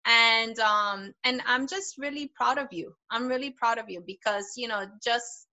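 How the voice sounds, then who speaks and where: A woman's voice: on the high side, normal speed, pushed and bright, low-quality recording. A woman hosting a podcast, a pediatrician who talks in a casual, effusive way and pours out praise for her guest.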